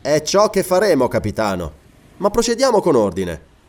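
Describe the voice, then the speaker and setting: A man voicing a calm, authoritative noble lord leading a careful investigation in a read-aloud novel. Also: a little high, moderate pace, pitched above the performer's own voice. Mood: methodical. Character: calm authoritative Scottish lord, methodical leader.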